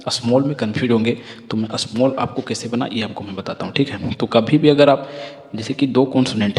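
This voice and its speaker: A man's voice: mid-range voice, a little mellow. A man teaching English reading rules, explaining patiently, repeating each point and asking questions he then answers himself. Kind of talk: explaining lesson. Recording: long reverb.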